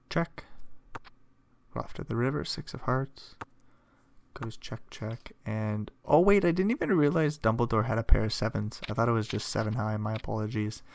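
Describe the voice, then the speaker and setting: A young man giving relaxed, chatty play-by-play commentary on a poker final table, thinking aloud with playful asides, while fighting off hiccups and yawns. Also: medium pitch, vocal fry, slight background noise. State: hiccuping and yawning.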